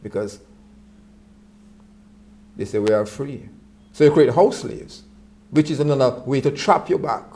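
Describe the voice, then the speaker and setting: A man's voice: medium pitch, expressive, unhurried, pauses often, mellow. A man with a Jamaican accent speaking Rasta-style with patois phrasing, reasoning conversationally and repeating words for emphasis.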